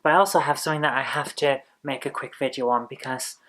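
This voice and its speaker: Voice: medium pitch, steady tone, fast, fairly bright tone, no room sound. An exhausted vlogger, chatting casually and rambling as they search for words. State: exhausted, low on energy. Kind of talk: casual vlog chat.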